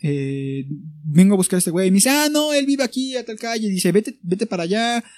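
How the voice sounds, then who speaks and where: A young man with a Mexican Spanish accent co-hosts a laid-back podcast, telling a story and animatedly playing the people he quotes. His high-pitched voice moves a little fast over a dry recording.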